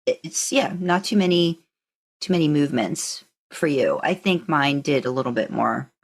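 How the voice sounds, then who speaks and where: A woman with a low-pitched voice talks at normal speed as co-host of a podcast devoted to casual fan discussion. Her day job is narrating, and she airs her opinions in a conversational way, hedging as she goes.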